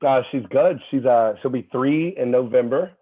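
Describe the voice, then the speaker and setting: A young man, a fitness trainer appearing as a podcast guest, telling stories in an animated way, full of fillers and restarts. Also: medium pitch, normal speed. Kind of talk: casual chat. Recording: tinny phone-like call audio.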